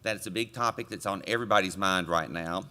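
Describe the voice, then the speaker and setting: A man chairing a committee, delivering a conference report from a podium microphone with relaxed joking asides to the audience. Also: sits low, fast. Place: conference meeting room.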